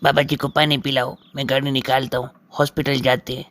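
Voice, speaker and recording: Brief: male actor as irritated young man, mid-pitched, dismissive and exasperated. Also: flat delivery, fairly bright tone, natural voice. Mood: worried. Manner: impatient, exasperated. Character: impatient young man, dismissive, busy with work. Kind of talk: comedy skit acting.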